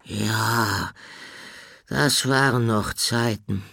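A man doing a slow grumbling male bird. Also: lowish voice, sing-song, gravelly, a bit bright, husky, no echo, clean studio sound, pitched above the performer's own voice, full character voice. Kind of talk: audiobook character voice.

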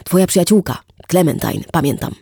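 A booming, excitable neighbor man , voiced by an audiobook reader who talks over everyone and ends every line with a question. His voice swings widely with a gravelly edge. It sits close and dry, with no room around it. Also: brisk, dry recording, exaggerated voice. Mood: boisterous. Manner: excitable, keeps tagging questions onto sentences. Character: loud chatty middle-aged neighbor man, boastful. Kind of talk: audiobook character voice.

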